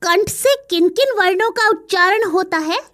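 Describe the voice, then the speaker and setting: A woman's voice: very high voice, normal speed, a bit bright. A woman voicing an eager young male crow chick in a cartoon story, repeating sounds after his teacher.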